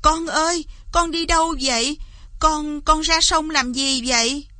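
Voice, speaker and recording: A woman's voice: on the high side, measured pace, dry recording, natural voice. A woman doing a frantic pleading peasant mother. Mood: anguished. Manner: pleading, anguished.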